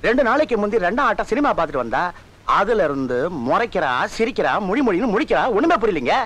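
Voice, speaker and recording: A man's voice: sits high, sing-song, fast, fairly bright tone, heavily acted. A worried pleading father. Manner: pleading, exasperated. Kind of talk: film comedy dialogue.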